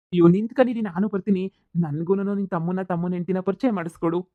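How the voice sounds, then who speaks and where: A woman voicing a loud, eager young man who flatters his friend in a cartoon comedy, with a dull lo-fi sound. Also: on the low side, quick pace, no room sound, natural voice. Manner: loud, eager, mixing in English words.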